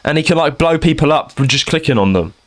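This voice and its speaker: A man's voice: a little high, animated, fast. A man co-hosting a podcast in casual chat, joking and riffing on silly tangents. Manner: jokey, riffs on silly tangents, laughs often. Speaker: podcast co-host.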